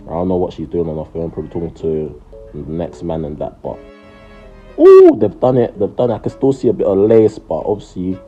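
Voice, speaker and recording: A man's voice: sits low, very animated, brisk, warm tone, lo-fi sound, faint music behind. A young man with a London accent and slangy roadman delivery, giving casual comedic voice-over commentary.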